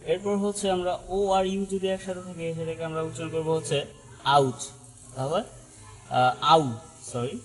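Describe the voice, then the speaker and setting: A man's voice: fairly high pitch, steady tone, normal speed, faint music behind, poor audio. A man teaching an English pronunciation lesson, explaining step by step and often checking in with "right?". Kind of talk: spoken language lesson.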